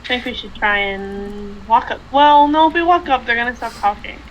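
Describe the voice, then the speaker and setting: A woman player chatting casually at a tabletop game, quick and lively. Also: fairly high pitch, slight background noise, poor audio.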